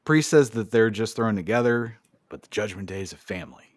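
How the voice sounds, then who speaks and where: Male podcast co-host, low voice, dry close mic, easygoing recap with frequent laughs. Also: lively intonation, brisk, no room sound. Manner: laughs often, acts out quoted lines. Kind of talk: casual chat.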